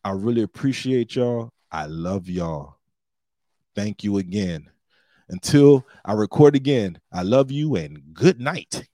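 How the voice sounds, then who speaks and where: Low-pitched man, casual dry podcast monologue. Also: expressive, takes it slowly, warm tone, no room sound. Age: 40s. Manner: slangy, big-brother advice-giving tone. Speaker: podcast host and stand-up comedian.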